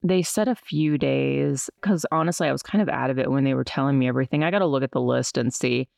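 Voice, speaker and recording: Creaky woman podcast host, stiff-mouthed from dental work. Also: extremely low pitch, quick pace, a little mellow, dry recording, clean studio sound. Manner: stiff-mouthed speech, numb-jawed after dental work. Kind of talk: casual podcast chat.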